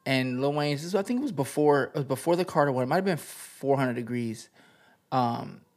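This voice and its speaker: A man in his thirties with a gravelly edge and a mid-range voice, speaking as a guest in a casual interview. He reflects loosely on his music background, pausing and restarting as he thinks. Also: mid-range voice. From United States. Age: 30s. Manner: relaxed, reflective, with many fillers and restarts. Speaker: guest, rapper and poet.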